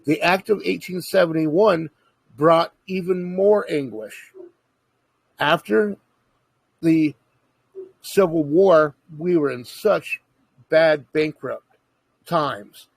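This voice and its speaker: A man's voice: a little high, takes it slowly, vocal fry, pauses often, husky, dry recording. A man in casual conversation, earnestly explaining his views at length in a lecturing way.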